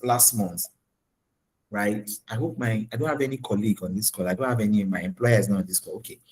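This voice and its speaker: A man's voice: medium pitch, poor audio. A man with a Nigerian English accent giving career advice on a webinar, speaking emphatically and often checking in with "okay?" and "right?". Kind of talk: coaching talk on a webinar.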